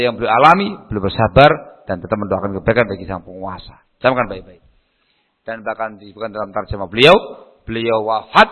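A man's voice: fairly low pitch, narrow, tinny audio. A man giving a mosque study lecture, telling a story with animation and acting out the voices he quotes. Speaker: preacher.

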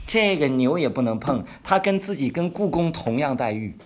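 A man giving a conversational Bible-study sermon. He asks his listeners questions and draws out key words slowly for emphasis. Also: on the high side, lively intonation, slight background noise. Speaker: pastor or Bible teacher.

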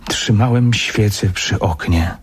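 A man's voice: lowish voice, slow, slightly rough, full character voice. A man voicing a fearful middle-aged butler in a radio reading, pleading and evasive.

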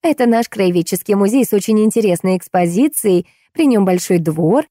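A woman reading a first-person novel aloud as an audiobook narrator, telling it in a lively, wry way with playful lifts. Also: mid-range voice, brisk, dry recording, studio quality.

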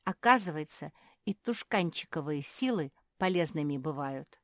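A woman voicing a tiny, gloomy female jerboa in a storybook, with a squeaky, sulky voice. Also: animated, normal speed, no room sound, clean studio sound. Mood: glum.

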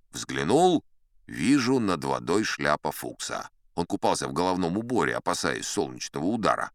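An actor playing a pompous old sea captain, telling tall tales in a theatrical audiobook style with chatty asides. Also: male voice, sits low, a bit bright, dry recording, clean studio sound, heavily acted. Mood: dramatic, suspenseful. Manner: pompous, conversational asides to a young listener. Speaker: audiobook performer narrating as a character. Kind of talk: theatrical first-person storytelling from an adventure audiobook.

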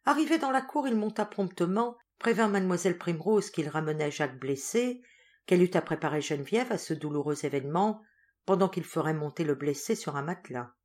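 Low-voiced woman reading a novel. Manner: measured, even storytelling. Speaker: audiobook reader. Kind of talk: scripted narration.

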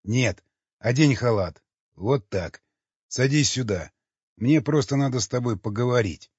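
A man's voice: mid-range voice, a little slow, slightly rough, dry recording. A man doing a sardonic cynical cannibal. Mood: cool questioning. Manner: sardonic, teasing, calmly questioning. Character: mocking cynical man, a cannibal, coolly interrogating. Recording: dull lo-fi recording.

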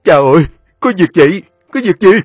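A man's voice: high voice, expressive, normal speed, slightly rough, no room sound, soft background music, voice pushed up. A man voicing a stern, commanding middle-aged village chief barking orders. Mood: furious.

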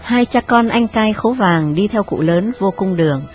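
Một người phụ nữ kể truyện đọc, giọng đều đặn, giọng miền Trung. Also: female voice, mid-range voice, animated, normal speed, a little mellow, slightly rough, soft background music. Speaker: narrator. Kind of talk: audiobook narration.

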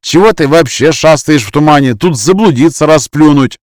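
A man's voice: on the high side, moderate pace, no room sound, pitched above the performer's own voice, lightly acted. A man voicing a grumpy young man who grumbles and swears, in a dry recording. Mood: sarcastic. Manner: gruff, cursing, grumbling.

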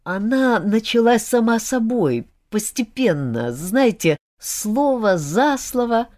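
A woman's voice: fairly high pitch, sing-song, takes it slowly, a little mellow, pitched above the performer's own voice. A woman doing a shy stammering youth. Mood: hesitant. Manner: hesitant and awkward. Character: shy embarrassed young man.

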